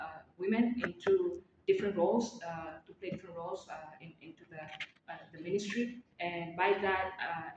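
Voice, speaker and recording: A woman from Tanzania answers interview questions in a fairly low voice, pausing often and restarting her phrases. The audio is echoey and a little dull, with faint noise behind her. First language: Maa. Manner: hesitant, many fillers and restarts.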